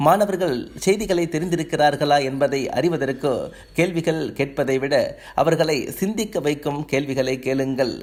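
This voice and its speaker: A man reading a guidebook for teachers aloud in a calm, deliberate, instructive manner. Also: fairly high pitch. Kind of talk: measured audiobook reading of advice.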